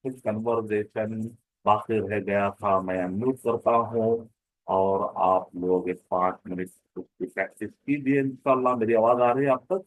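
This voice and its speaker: A man's voice: lowish voice, steady tone, moderate pace, no echo, low-quality recording. Male teacher, explanatory and repetitive, dry close mic. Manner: explanatory, repeats and asks rhetorical questions. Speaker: Arabic grammar teacher. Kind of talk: online class lecture.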